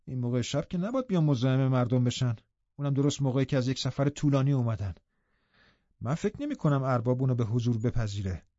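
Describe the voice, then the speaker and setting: A man's voice: medium pitch, mellow, no room sound, natural voice. A man reading a story aloud, voicing a worried, protective female housekeeper. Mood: wary. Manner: anxious, protective. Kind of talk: audiobook reading. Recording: dull, dry studio recording.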